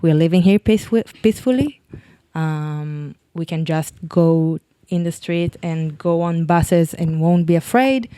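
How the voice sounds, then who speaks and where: Relaxed, smooth-voiced young Israeli-accented woman. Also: fairly low pitch, a little slow, dry recording. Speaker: panel guest. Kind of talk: conversational interview answer.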